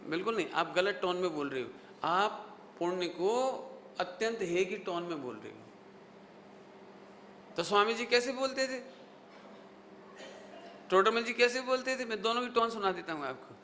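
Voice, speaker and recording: High, bright-voiced man preaching in an echoey hall. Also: big pitch swings, moderate pace, long pauses. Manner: drills the audience with repeated rhetorical questions. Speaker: Jain scholar giving a lecture. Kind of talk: sermon with questions to the audience. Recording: echoey hall with faint noise.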